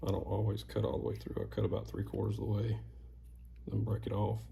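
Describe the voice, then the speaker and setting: A man's voice: lowish voice, level tone, fast, gravelly, background noise. A man giving casual, plain-spoken how-to instructions step by step, as a craftsman sharing repair tips. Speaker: duck call maker giving repair tips.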